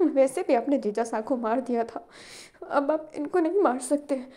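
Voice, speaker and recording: A woman's voice: sits high, normal speed, warm tone, close to an everyday voice. A woman voicing an earnest young man pleading for his sister.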